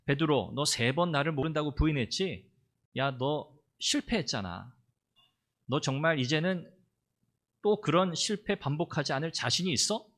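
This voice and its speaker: A man's voice: a little high, lively intonation, moderate pace, a bit bright. A male pastor voicing a risen teacher who questions a disciple with blunt, casual questions. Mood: questioning.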